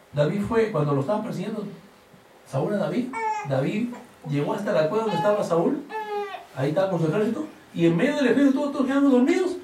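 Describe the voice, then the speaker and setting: A man's voice: high voice, slight background noise. A man preaching a sermon, acting out Bible stories and asking the congregation questions. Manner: animated storytelling, acting out Bible scenes. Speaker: pastor. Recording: echoey hall, mic from a distance.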